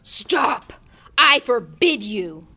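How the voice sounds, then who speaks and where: Storybook adult man, played by a woman: pompous, loud, commanding, panicky uncle. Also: on the high side, sing-song, very slow, voice pushed up, full character voice. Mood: panicked commanding.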